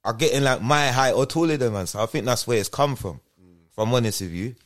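A man's voice: medium pitch, fast. A man with a London roadman accent answering interview questions in casual street slang, often checking that he is being followed. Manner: repeats checking tag phrases. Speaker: interview guest.

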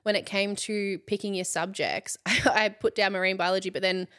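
A woman's voice: medium pitch, fairly even intonation, fairly quick, a bit bright. A woman in her thirties with an Australian accent, a chatty interview guest who fills her talk with "like" and laughs often. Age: 30s. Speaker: guest, content creator. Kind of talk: casual interview chat.

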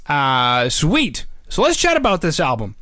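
An upbeat, chatty man hosts a rock and metal podcast and interviews a guest. His voice sits somewhat high. The sound is dry and close, with no room around it. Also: huge pitch swings, measured pace, bright, forceful tone, no room sound. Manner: upbeat, chatty, laughs easily. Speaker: podcast host. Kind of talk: casual interview.

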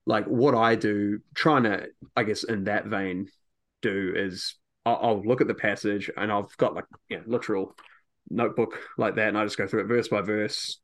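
A man's voice: on the low side, steady tone, normal speed, fairly bright tone. A man hosting a podcast, chatting eagerly about preaching with many filler words. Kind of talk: casual chat.

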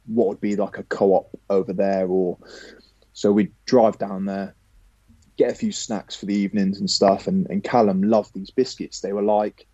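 A man, a professional footballer, telling a lively anecdote as a podcast guest, casually swearing now and then. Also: fairly low pitch, normal speed, slightly rough, no room sound, highs cut off.

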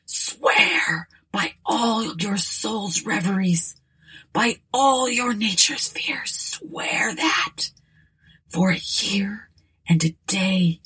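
A woman voicing a dying male nobleman, secretive and fierce, in a hoarse whisper. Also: medium pitch, a little mellow, poor audio.

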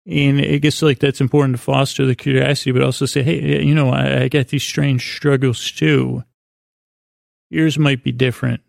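This bedtime monologue on a sleep podcast comes from a man whose voice is creaky and gravelly, mid-range, and level in tone. He wanders along with halting pauses and false starts, and the studio audio is clean, with no room sound.

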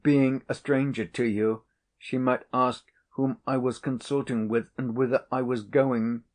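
A man's voice: mid-range voice, steady tone, unhurried, darkish tone, close to an everyday voice. A man reading aloud and voicing an earnest, uneasy young man in a colonial tale. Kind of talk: audiobook character reading.

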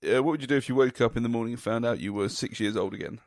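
A man's voice: medium pitch, very fast, darkish tone, dry recording. A young man, co-hosting a casual podcast, telling crude stories and laughing often. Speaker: podcast co-host. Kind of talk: casual chat.

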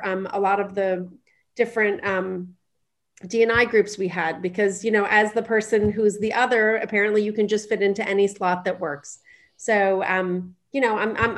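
Wry, casual middle-aged woman, marketing exec on a panel, mid-pitched voice. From Iran. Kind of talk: panel introduction.

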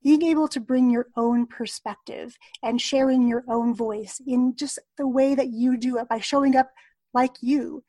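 A woman hosts an interview, building on her guest's ideas in an affirming, reflective way. Her voice sits a little high. The recording is dry and close. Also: fairly even intonation, normal speed, warm tone, no room sound. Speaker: podcast host. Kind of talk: conversational interview.

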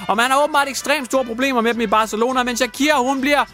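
A man's voice: very high-pitched, steady tone, over music. A man hosting a radio show, retelling odd news stories in a jokey, crude and theatrical way. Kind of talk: comic radio news chat.

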